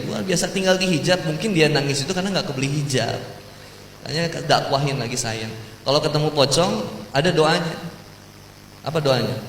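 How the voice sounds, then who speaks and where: A male preacher, telling humorous stories that swing from soft asides to loud, emphatic preaching. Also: fairly high pitch, a little hiss or hum. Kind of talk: sermon. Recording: echoey hall, voice picked up from a distance.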